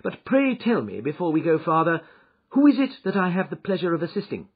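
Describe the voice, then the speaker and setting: Man doing Sherlock Holmes, courteous, assured, in raised pitch. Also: big pitch swings, a little fast, husky, dull audio, full character voice. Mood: sweetly probing. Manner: bland, courteous, precise. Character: shrewd, bland, self-assured gentleman detective. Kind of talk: audiobook character voice.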